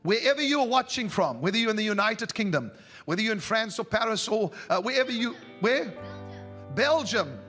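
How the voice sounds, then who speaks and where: A man's voice: sits high, big pitch swings, moderate pace. A man preaching a fervent prophetic sermon, calling out to the congregation. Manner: fervent, rising to shouts, talks to the audience. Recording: long hall reverb with faint music.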